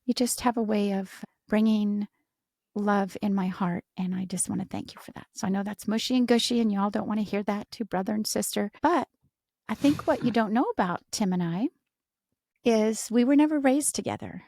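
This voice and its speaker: A woman co-hosting a podcast, speaking warmly of faith and family in a soft, often whispery voice. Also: mid-range voice, a little fast, gravelly, no echo, studio quality. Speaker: podcast co-host. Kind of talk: casual heartfelt conversation.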